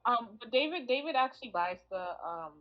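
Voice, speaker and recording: A woman's voice: a little high, expressive, normal speed, muffled recording. A woman playing her character in a casual tabletop role-play, narrating in a hesitant, offhand way. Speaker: player.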